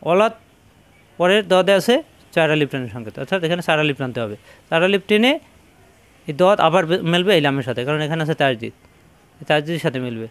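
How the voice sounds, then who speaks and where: A man teaching Quran recitation, spelling out each syllable slowly and then chanting the verse in long drawn-out tones. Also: on the high side, animated, fairly bright tone, clear, resonant tone. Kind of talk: slow letter-by-letter tajweed lesson.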